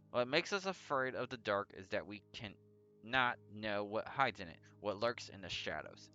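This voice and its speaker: A medium-pitched man with a sharp tone narrates a visual novel for a let's play, mixing in casual commentary while music plays underneath. The sound is lo-fi, and he sometimes stumbles over the written text before setting it right.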